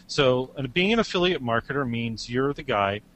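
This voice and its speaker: A man presenting a sales webinar, upbeat and chatty, talking in quick bursts with frequent restarts. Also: mid-range voice, lively intonation, fairly bright tone, poor audio.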